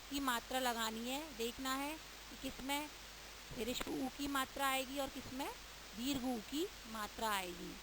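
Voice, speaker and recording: A woman teacher giving a recorded lesson to young children, speaking slowly and stressing each vowel sign with care. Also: high-pitched, noisy background. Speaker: schoolteacher.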